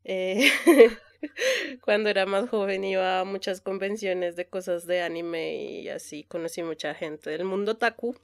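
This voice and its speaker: A woman with a mid-pitched voice, recorded dry and close, chats casually as a podcast co-host. She is expressive and giggly, readily poking fun at herself. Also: unhurried, no echo. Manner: self-mocking, giggly, expressive.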